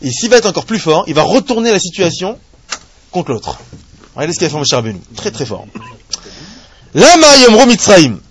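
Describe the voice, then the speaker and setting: A man with a high, somewhat husky voice teaches a Torah class to a small group of listeners. He is lively and humorous, peppering his explanation with rhetorical questions and asides to the students. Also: quick pace. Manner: animated, asks rhetorical questions, jokes with students. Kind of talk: live Torah class lecture.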